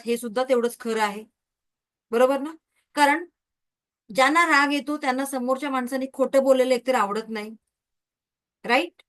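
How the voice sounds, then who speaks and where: A woman teaches an online Reiki class. She talks in a lively way and keeps checking in with her students through a video-call mic. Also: a little high. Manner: lively, quizzes the class with repeated questions.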